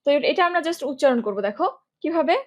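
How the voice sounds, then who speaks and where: Young woman english teacher, high-pitched, joking mnemonics, quizzing the class. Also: expressive, fast. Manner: chatty, playful mnemonics, quizzing students. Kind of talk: online spelling class.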